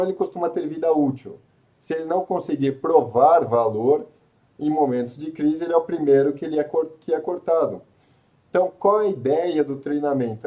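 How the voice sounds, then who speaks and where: Mellow-voiced male web show host. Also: a little high, highs cut off. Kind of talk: live web show chat and course pitch.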